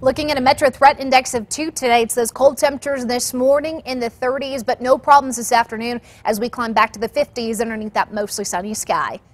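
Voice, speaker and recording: A woman's voice: on the high side, steady tone, fairly quick, few pauses. A woman presenting weather and traffic updates in a conversational broadcast style.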